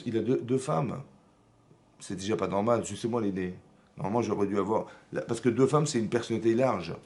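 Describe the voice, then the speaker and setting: A man, a rabbi, teaching a lively Torah class in a synagogue, telling the story with energy and often checking in with his listeners. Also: on the low side. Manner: animated storyteller who keeps checking in with the audience; acts out dialogue between biblical figures.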